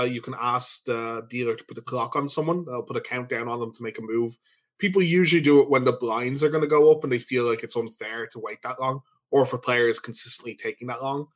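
A man co-hosting a casual podcast chat, joking and laughing as he talks. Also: mid-range voice. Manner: joking, laughs often, playful mock shouting. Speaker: podcast co-host.

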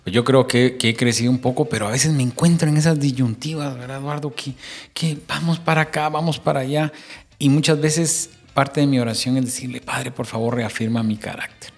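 Middle-aged male host, mid-pitched, talks faith to the listener over soft music, acts out quotes. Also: steady tone, a little fast. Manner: preachy, addresses listener directly, acts out little quotes.

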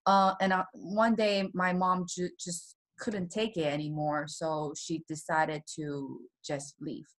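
Soft-spoken woman from Taiwan, interview guest. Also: lowish voice, level tone, slow. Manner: soft-spoken, laughs nervously between painful memories. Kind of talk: personal storytelling in an interview.

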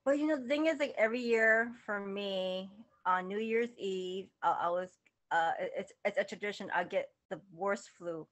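A woman chatting as a podcast guest, talking in halting bursts full of restarts and fillers. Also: mid-range voice, a bit bright. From lives in the United States. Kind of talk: casual interview chat.

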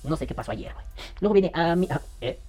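Joking Mexican man, lively and mellow. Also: on the high side, fast talker, soft background music. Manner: crude, joking banter full of slang; keeping his voice down. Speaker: podcast host. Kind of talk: casual podcast chat.

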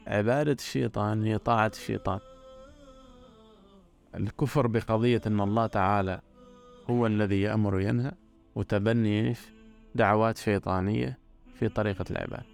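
A man with a gravelly, low voice gives an earnest religious talk. He drives his points home by repeating words. Faint music plays behind him. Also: fairly even intonation, a little fast, long pauses, darkish tone. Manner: earnest, repetitive emphasis.

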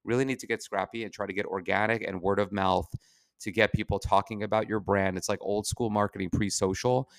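A man's voice: on the low side, little pitch movement, a little fast, no echo, clean studio sound. A man giving an informal business advice monologue in an opinionated, emphatic, plain-spoken way. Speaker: marketing agency professional giving advice.

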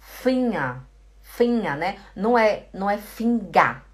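A woman's voice: medium pitch, expressive. A Portuguese-speaking woman teaching German pronunciation, repeating each word again and again. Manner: slow, repeats words many times. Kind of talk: pronunciation lesson.

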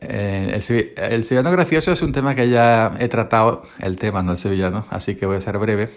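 A man's voice: on the low side, a little fast. A man from Spain hosting a podcast, recorded on his phone in his bedroom, telling a story in a rambling, wry way. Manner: rambling, wry, repeats himself. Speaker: podcast host. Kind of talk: casual storytelling monologue. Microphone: mobile phone.

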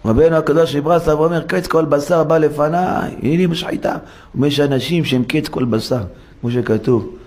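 A man's voice: fairly high pitch, a little mellow. A man giving a sermon as a rabbi in a synagogue, preaching with animation and acting out rhetorical questions and quoted voices.

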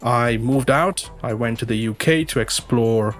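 Here the western Indian English teacher speaks unhurriedly at medium pitch while soft music plays behind him. As an interview guest he keeps things casual, wandering through his points and frequently restating or rewording what he's said.

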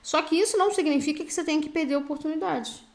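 A Brazilian woman with a high voice reads tarot cards aloud. She is blunt and direct, and she scolds and encourages the listener in casual slang. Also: quick pace, darkish tone. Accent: Brazilian Portuguese. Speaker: tarot reader. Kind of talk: intuitive tarot reading.

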